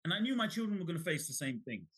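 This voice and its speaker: A middle-aged Bangladeshi author, interviewed as a guest, tells his story in an animated way, often restarting and repeating words. His voice is a little high and he talks very fast.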